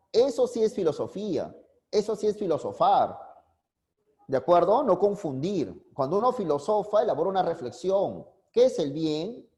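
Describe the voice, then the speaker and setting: Man, philosophy teacher, high voice, mellow tone, keeps asking questions. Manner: questions students constantly, coaxing answers. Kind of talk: online class lecture. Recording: long reverb, echoey room.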